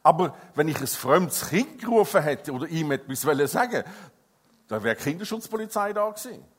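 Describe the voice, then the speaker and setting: A middle-aged man preaching a sermon as an evangelist, emphatic, swinging between loud stresses and quiet, intimate passages. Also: a little high, very animated, a little fast, husky.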